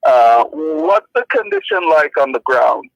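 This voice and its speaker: A man from Jamaica calling in to a radio show over a clipped phone line from his car, talking in a concerned, halting way and repeating words. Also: on the high side, huge pitch swings, vocal fry, dry recording. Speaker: caller. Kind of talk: call-in radio chat.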